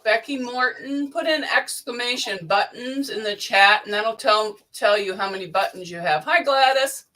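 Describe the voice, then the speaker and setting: Bright-voiced woman calling out bids. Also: on the high side. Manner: brisk, reads chat names and bid amounts in quick succession. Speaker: livestream host. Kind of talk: casual livestream chat, reading out bids. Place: indoor sewing room.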